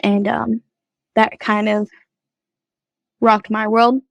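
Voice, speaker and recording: A woman recounts her own faith journey as a podcast guest. She talks slowly, with a gravelly edge. She is earnest and halting, and her voice sounds dry and close to the mic. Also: medium pitch, flat delivery, no echo, rough recording. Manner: halting, earnest, many fillers and restarts. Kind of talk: personal faith testimony, casual storytelling.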